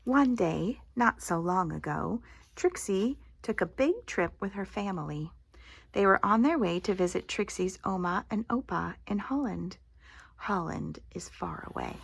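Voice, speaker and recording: An older woman with a grandmotherly manner reads a children's picture book aloud, expressively and deliberately, with dramatic emphasis and hushed phrase endings. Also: medium pitch, animated, creaky, slightly rough.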